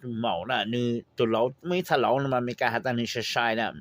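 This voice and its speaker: A poultry trainer gives advice in a casual spoken lesson on raising birds, slipping into English phrases and often checking in with his listeners. His voice is medium-pitched and extremely slow, with no room sound.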